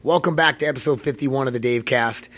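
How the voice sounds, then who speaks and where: A man hosting a casual solo podcast in a rambling, informal way, his voice hoarse and nearly gone. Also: medium pitch, fairly quick, fairly bright tone, no echo. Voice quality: hoarse, worn-out voice from losing it. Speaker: podcast host.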